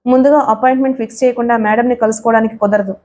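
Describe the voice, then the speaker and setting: A woman voicing a brisk, impatient female secretary turning away a visitor. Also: a little high, fairly even intonation, mellow, a little hiss or hum, close to an everyday voice. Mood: curt. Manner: curt, impatient.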